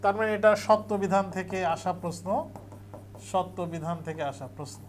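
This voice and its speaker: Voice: mid-range voice, moderate pace, a little hiss or hum. Teacher, exam revision lecture, step-by-step explaining, repeats key points.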